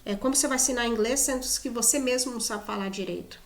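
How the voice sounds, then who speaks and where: A woman's voice: on the high side, fast talker, roomy sound. A Brazilian woman teaching English in casual Portuguese, chatty, often adding "né?" and restarting words. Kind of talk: casual video lesson.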